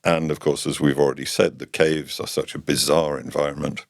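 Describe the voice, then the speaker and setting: A man answering as a guest expert in an interview, calm and matter-of-fact. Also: rumbling low, fairly quick, no room sound, studio quality.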